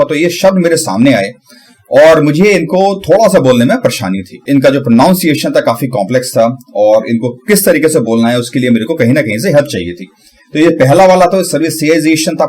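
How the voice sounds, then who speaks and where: A man giving a casual tutorial on pronunciation, breaking hard words into syllables and repeating them slowly. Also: medium pitch, darkish tone. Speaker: channel host.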